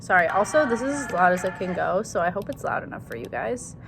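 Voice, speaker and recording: A woman's voice: fairly low pitch, lively intonation, quick pace, gravelly, noisy background. A woman teaching a song to her students, chatting casually and correcting herself as she goes. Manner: chatty, self-correcting, demonstrates by singing syllables. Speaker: music teacher. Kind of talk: casual singing lesson for students.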